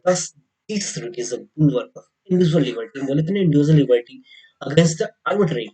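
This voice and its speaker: An Indian man giving an exam coaching lecture, mixing Hindi with slowly read English legal text and often repeating key points to the viewers. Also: on the high side, dark tone, husky, low-quality recording. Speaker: teacher.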